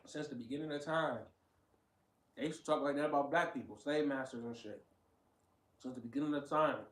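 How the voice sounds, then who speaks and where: A man's voice: mid-range voice, fairly quick, fairly bright tone, distant mic. Blunt, profane male commentator, echoey room. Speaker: reaction commentator. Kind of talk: casual commentary.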